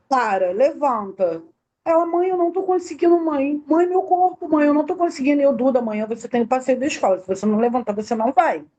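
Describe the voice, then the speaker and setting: A Brazilian woman with a high, soft, mellow voice appears as an interview guest, a bereaved mother giving emotional personal testimony. She tells her story in detail, acting out the dialogue she quotes.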